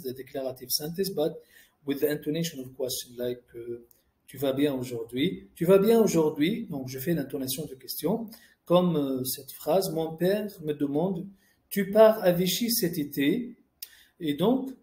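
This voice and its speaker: A man's voice: fairly high pitch, darkish tone. A man teaching French grammar, explaining each rule in French and then in English and reading out example sentences. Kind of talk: classroom-style grammar lesson. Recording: echoey room.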